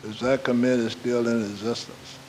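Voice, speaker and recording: A man's voice: mid-range voice, level tone, normal speed, a little mellow, a little hiss or hum, low-quality recording. A man, a county supervisor speaking in a friendly, affirming way at a public meeting.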